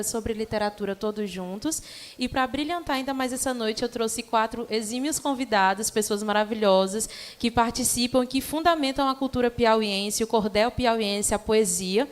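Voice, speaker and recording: Polished young woman hosting a panel. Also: a little high. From Brazil. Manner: polished, welcoming, ceremonious. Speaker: student panel host. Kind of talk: formal event introduction.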